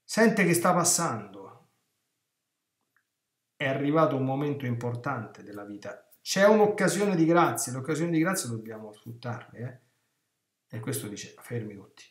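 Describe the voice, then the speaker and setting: Animated priest preaching in a roomy space. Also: male voice, mid-range voice, normal speed. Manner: animated, emphatic, with rhetorical questions to the listeners. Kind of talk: retreat sermon. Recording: roomy echo.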